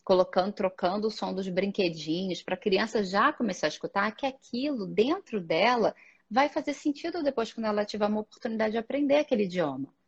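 A woman with a Brazilian Portuguese accent and a husky, slightly breathy voice tells family stories in casual chat, playing out the dialogue as she goes. The recording is dull and lo-fi. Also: medium pitch, brisk. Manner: lively storytelling, acting out dialogue. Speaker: immigrant mother.

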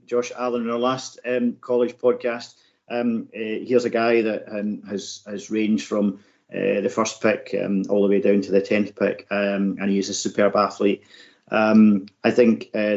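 A man hosting a sports podcast, talking off the cuff about the draft in halting, broken phrases full of ums. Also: on the low side, darkish tone. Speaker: podcast host. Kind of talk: unscripted American football draft commentary. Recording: slightly dull, lo-fi podcast audio.

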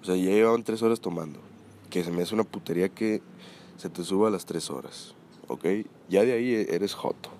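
A man's voice: deep voice, a little fast, slight background noise. Slangy Mexican man telling a story. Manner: slangy and animated, often swearing, peppered with "güey". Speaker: podcast co-host telling a story. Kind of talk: casual chat, storytelling.

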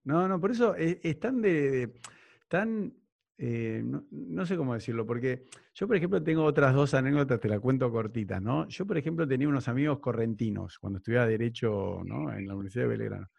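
A man with an Argentine accent interviewing a guest, telling anecdotes with lively tag questions in a casual conversation. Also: mid-range voice, fairly quick, creaky, dry recording. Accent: Argentine Spanish.

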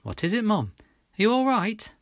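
A man's voice: high-pitched, sing-song, moderate pace, no echo, studio quality, pitched above the performer's own voice. A man doing a flustered thirteen-year-old boy. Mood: anxious. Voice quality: flustered, anxious.

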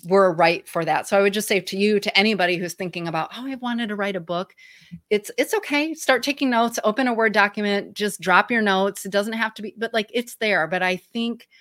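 A woman's voice: mid-range voice, brisk, a bit bright, no room sound, studio quality. A woman with a twangy American Midwestern accent speaks casually and expressively as an interview guest. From Michigan, US. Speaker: guest, author.

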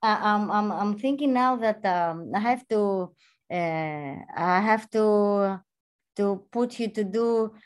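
A woman from Greece interviewing in casual conversation, with halting, repetitive non-native phrasing. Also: medium pitch, smooth.

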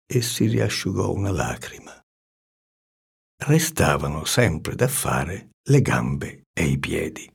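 A man reading a storybook aloud with an expressive, swinging delivery and hushed asides. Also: rumbling low, slow, creaky, slightly rough.

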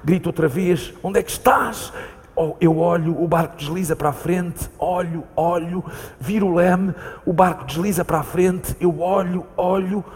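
A man's voice: sits high, fairly even intonation, normal speed, darkish tone, close to an everyday voice. An actor with a European Portuguese accent plays a frightened man at sea, searching for his lost companion in an urgent, repetitive, pleading voice. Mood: haunted recounting. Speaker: actor in a staged reading. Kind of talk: staged theatre reading. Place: theatre hall. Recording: live stage reading in a reverberant hall.

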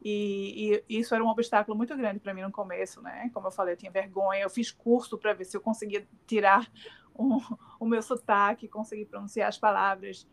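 A middle-aged woman with a Northeastern Brazilian Portuguese accent answers questions in a casual remote interview, hesitating, using lots of fillers and restarting often. Her voice is mid-range with little pitch movement, and she speaks a little fast.

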